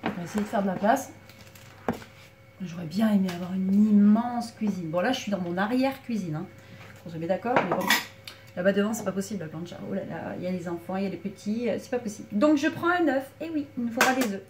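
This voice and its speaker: Fast and expressive, a home cook with a mid-range voice and a slight frog in her throat talks to viewers during an informal cooking demonstration in her little back kitchen. The recording is echoey and far-miked, with loud background clatter from pans and utensils.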